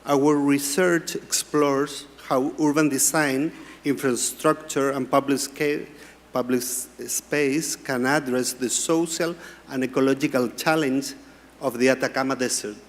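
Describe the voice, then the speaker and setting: A man's voice: medium pitch, steady tone. Chilean man giving a formal talk. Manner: formal, measured, with occasional word restarts. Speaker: panelist, architecture professor. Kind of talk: prepared panel talk. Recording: long hall reverb.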